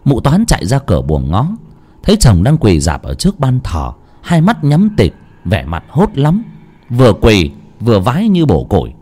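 A man narrating a horror story in a dramatic storytelling style. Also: normal speed. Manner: expressive, sweeping pitch.

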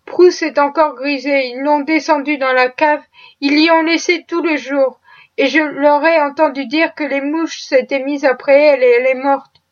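A woman reading the lines of a nervous, secretive woman servant who confides in a hushed way. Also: high-pitched, steady tone, normal speed, muffled recording, lightly acted.

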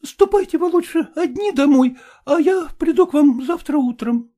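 A man's voice: very high voice, expressive, moderate pace, dark tone, pitched above the performer's own voice. A man voicing a distressed young woman who pleads tearfully and snaps with scorn. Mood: pleading.

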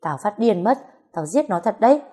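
A woman's voice: medium pitch, very animated, moderate pace, warm tone, pitched above the performer's own voice. A woman reading as a jealous possessive young man. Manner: pleading and possessive.

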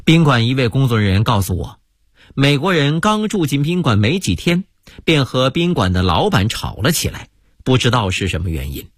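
A man telling a humorous story on the radio in a lively storytelling manner. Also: medium pitch, normal speed, no room sound, studio quality.

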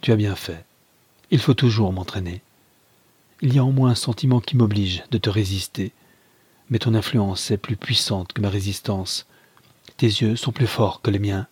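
An impassioned young mother, torn between love and duty, begs in breathless, pleading phrases, as a male reader raises his voice to play her. The voice stays husky and close, in a dry, unechoing audiobook reading. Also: fairly low pitch, moderate pace, darkish tone, dry recording. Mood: tender.

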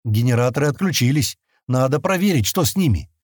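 A man doing a gruff, grumbling spacer. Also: mid-range voice, lively intonation, a little fast, no room sound, studio quality, voice pushed up, close to an everyday voice. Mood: reluctant. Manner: grumbling, curt replies. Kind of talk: audiobook character voice.

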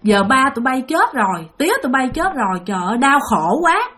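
A woman's voice: sits high, sing-song, fairly quick, pushed and bright, heavily acted. A woman voicing a grieving old widow who confesses what she saw, in a tired, subdued way.

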